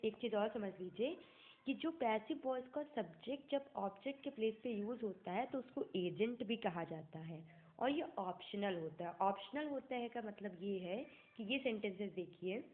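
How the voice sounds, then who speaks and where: A woman teaching an English grammar lesson in Hindi, explaining patiently, asking if things are clear and reading English example sentences slowly, with a slightly sore throat. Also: medium pitch, expressive. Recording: echoey room, tinny phone-like sound.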